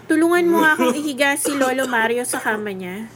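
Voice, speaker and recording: A brisk, soothing nurse. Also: female voice, sits high, expressive, a loud crowd. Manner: soothing yet commanding, polite. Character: caring, brisk female nurse.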